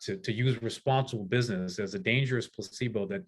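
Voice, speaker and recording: A man's voice: lowish voice, fast, slightly rough. A man in his forties, a guest in a discussion, arguing his case with passion. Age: 40s. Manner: passionate, argumentative. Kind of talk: conversational discussion.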